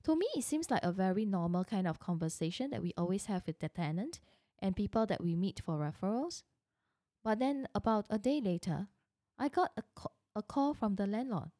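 Middle-aged woman, real estate agent; earnest storytelling monologue, soft warm tone, dry close recording. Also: mid-range voice, lively intonation, fairly quick, dry recording. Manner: earnest, frequent restarts and self-corrections.

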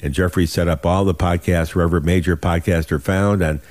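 A man in his sixties hosting a financial radio show, making an urgent, folksy, emphatic sales pitch and repeating himself. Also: fairly even intonation, fairly quick, a little mellow, no echo. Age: 60s.

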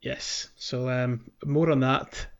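A podcast host with a mid-range voice talks slowly and flatly in a casual chat. He's chatty and laughs often between fillers, and the audio is dull and lo-fi.

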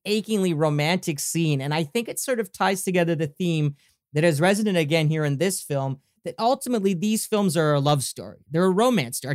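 A man's voice: fairly high pitch, dry recording. Eager guy hosting a panel chat, dry close sound, gushing about his favorite scenes. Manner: enthusiastic, asks open questions. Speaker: host. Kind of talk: moderating a group discussion.

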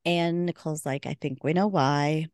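A woman co-hosting a podcast, casually recapping a TV episode and acting out the characters' lines with big jumps in pitch. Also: fairly even intonation, moderate pace, darkish tone, no echo, clean studio sound.

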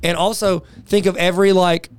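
Teasing podcast co-host with a smooth voice. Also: male voice, high-pitched, level tone, no echo. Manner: joking, teasing, quick banter. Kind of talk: casual chat.

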